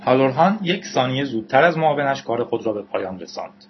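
A man narrating an audiobook in a measured, even storytelling manner. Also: medium pitch, a little hiss or hum. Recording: dull lo-fi recording.

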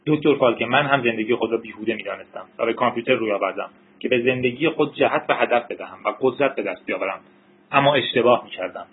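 Brief: man reading a frantic young hacker, husky pitch pushed up, tinny lo-fi audio. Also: natural voice. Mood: pleading. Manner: urgent, rising to shouts. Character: young male hacker, desperate and pleading. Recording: tinny narrow-band recording.

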